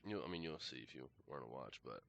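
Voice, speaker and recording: With a bass voice, lively intonation and a somewhat bright tone, this game streamer talks quickly. His live commentary is casual and meandering, full of fillers, hesitations and self-corrections, broken now and then by coughs and throat-clearing.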